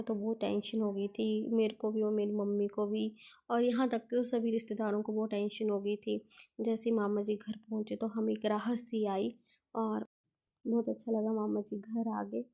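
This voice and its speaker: A woman's voice: medium pitch, level tone, moderate pace, vocal fry, dark tone. A young woman narrating her family day as a casual vlog, telling it in a chatty, homely way. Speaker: vlogger.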